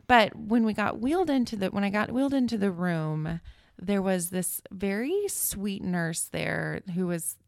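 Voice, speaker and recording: An earnest woman recounts a personal story as a podcast guest, her voice carrying a gravelly creak. She talks with feeling and often restarts her sentences. The recording is dry, with no room echo. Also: medium pitch, lively intonation, unhurried. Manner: earnest, emotional, many restarts.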